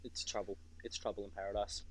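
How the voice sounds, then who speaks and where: A young man co-hosting a casual podcast chat, trading dry, deadpan jokes. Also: on the low side, fast, slight background noise. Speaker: podcast co-host.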